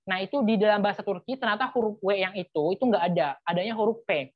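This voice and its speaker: A woman with a medium-pitched voice and a quick pace runs a live online language lesson. She patiently spells out letters and repeats them, using casual fillers along the way. The sound is dry and slightly muffled.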